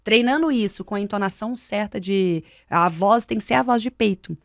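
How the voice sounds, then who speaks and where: On a podcast, a Brazilian woman mentor explains speaking techniques in an emphatic, didactic way, with a Brazilian Portuguese accent. Her mid-range voice keeps a moderate pace, and the studio-quality recording has no echo.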